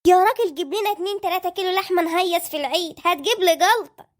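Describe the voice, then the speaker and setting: A woman's voice: very high-pitched, racing. A woman voicing a nagging, put-upon wife and mother in an Egyptian cartoon, with an Egyptian accent and a whiny, pleading way of talking. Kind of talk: cartoon voice acting.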